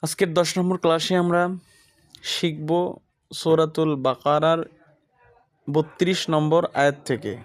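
A man teaching Quran reading, spelling out Arabic letters and vowel marks one at a time in a slow, methodical drill. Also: fairly high pitch, fairly even intonation.

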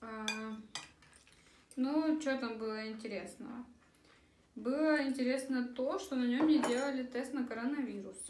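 Filmed from a camera across the table, a young adult woman eats and chats casually for her mukbang vlog in a small room. Her voice is high with a darkish tone at a moderate pace, and faint clinks of cutlery and dishes sound in the roomy audio.

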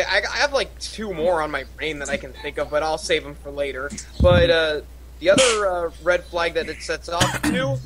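A man's voice: fairly high pitch, noisy background. A man co-hosting a casual podcast, rambling and ranting with stammered restarts. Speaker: podcast co-host. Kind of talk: casual chat.

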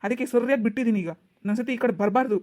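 A woman's voice: on the high side, fairly even intonation, very fast, a little mellow, lightly acted. A woman voicing a stern male police officer who scolds and threatens people in a cartoon. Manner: scolding, bossy.

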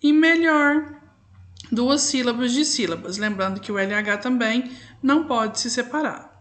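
Woman, young adult, primary school teacher, slow careful dictation, fairly high voice. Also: animated, fairly bright tone. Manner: slow, drawn-out dictation with frequent "tá?" and "né?" checks. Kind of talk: recorded remote class correcting exercises.

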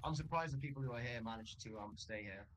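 A man's voice: mid-range voice, fast talker, background noise. A man leading a team over gaming voice chat, placating and repeating his words in a stammering way. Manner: apologetic, stammering repetitions, placating.

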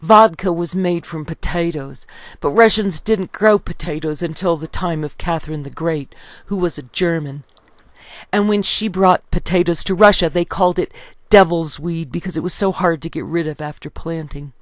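A woman reading her own history book aloud in a steady, measured way, citing page numbers as she goes. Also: fairly low pitch, no echo.

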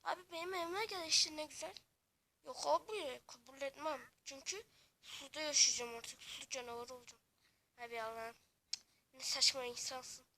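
High, bright-voiced woman playing Minecraft roles. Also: moderate pace. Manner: chatty, dramatic, switches between characters. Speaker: game story narrator. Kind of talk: playful Minecraft role-play, voicing several characters.

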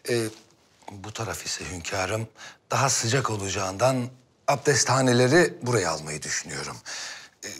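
A man's voice: on the low side, expressive, moderate pace, fairly bright tone, breathy edge. An actor playing a humble, earnest Ottoman court architect in a period drama, speaking respectfully. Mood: earnest explaining. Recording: music under the dialogue.

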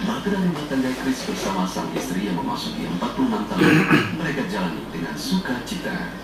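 Deep male voice-over for a TV profile, lively pitch, echoey far-off sound over loud music. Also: fast. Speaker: documentary narrator. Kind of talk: scripted TV narration.

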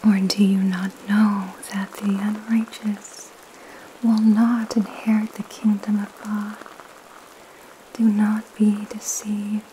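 A young woman whispers in a soothing, breathy ASMR style. Her delivery is slow and very level, gentle and calming, with pauses between phrases. Light rain patters behind her close voice. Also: mid-range voice, slight background noise, rough recording. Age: young adult. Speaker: ASMR host reading scripture and praying. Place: small indoor room at home. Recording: steady rain sound behind the voice.

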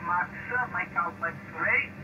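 An Italian man, a ham radio operator whose first language is Italian, comes through a distant shortwave radio signal that fades and hisses. His voice is high for a man, and his English is slow and halting, full of pauses while he searches for words. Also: highs cut off. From Italy. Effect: received over shortwave radio. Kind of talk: ham radio contact over the air. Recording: faint, fading, noisy shortwave signal.

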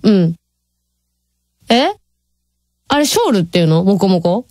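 Woman, twenties, Kansai accent, radio host, lively pitch, dry close sound, laughs a lot. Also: a little slow, no echo. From Nishinomiya, Hyogo, Japan. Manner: chatty, laughs often, drawls some words. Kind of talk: casual radio talk reading listener messages. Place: radio studio.

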